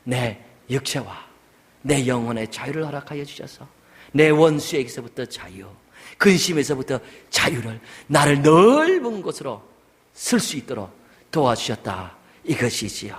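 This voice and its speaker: A man preaching a sermon as senior pastor, moving from quiet, joking talk to loud, shouted prayers. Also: mid-range voice, sing-song, measured pace, big-room sound. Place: church sanctuary.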